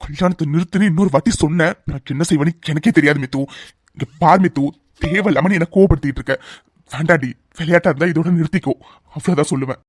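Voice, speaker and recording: A performer voicing a young cartoon groom who mocks his bride and then turns sharp and commanding. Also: mid-range voice, fast, slightly rough, no echo, natural voice. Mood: angry. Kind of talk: cartoon voice acting.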